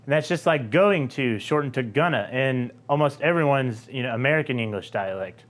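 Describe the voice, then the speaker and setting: Relaxed young man with softened Southern accent. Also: medium pitch, fairly quick. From Georgia, US. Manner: relaxed, conversational, frequent filler ums. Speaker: linguistics video host. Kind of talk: explanatory talk to camera.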